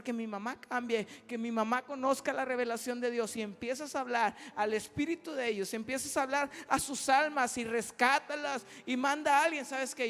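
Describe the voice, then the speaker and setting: A young man preaching to a youth service, fervent, swinging from loud exhortation to a soft prayerful appeal. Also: very high voice. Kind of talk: sermon with altar call. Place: church hall. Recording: reverberant church hall with music. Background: soft instrumental music.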